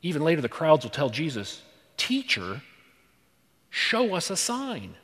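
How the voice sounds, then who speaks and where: A man's voice: on the high side, huge pitch swings, unhurried, fairly bright tone, big-room sound. A man preaching a sermon in a church, dramatic, with rhetorical questions and repeated phrases.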